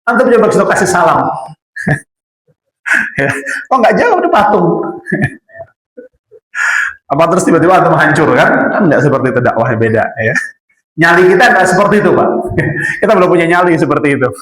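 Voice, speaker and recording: A man giving a religious lecture to a seated class. His voice sits a little high for a man and carries a noticeable room echo. He talks in a loose, conversational way and keeps turning to the listeners with rhetorical questions. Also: sing-song, moderate pace, long pauses, fairly bright tone. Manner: conversational, rhetorical questions, addresses audience as Pak. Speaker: Islamic teacher. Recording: echoey room.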